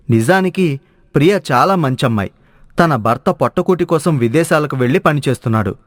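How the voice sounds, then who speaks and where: Male cartoon narrator, fairly high voice, dry close sound. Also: dry recording. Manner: steady, storytelling. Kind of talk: scripted storybook narration.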